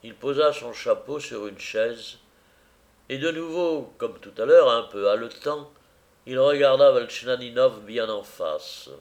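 A man reading a novel aloud as narrator, in a measured, even storytelling manner. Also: medium pitch.

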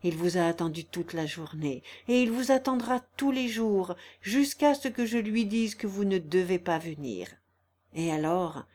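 A woman reading the part of a proud, gentle, resolute young woman in an audiobook, earnest and persuasive. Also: mid-range voice, lightly acted. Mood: sorrowful.

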